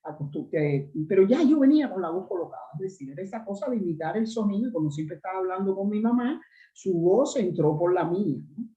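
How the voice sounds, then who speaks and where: A middle-aged Cuban woman with a strong, resonant voice, telling stories in a lively conversational interview. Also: medium pitch, fast talker. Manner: animated storyteller, lively asides. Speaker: actress, interview guest. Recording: roomy, slightly dull recording.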